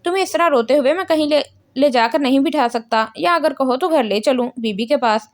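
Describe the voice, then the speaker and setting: A woman voicing a gentle, teasing young man in a storybook reading, calm and soothing. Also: high-pitched, natural voice.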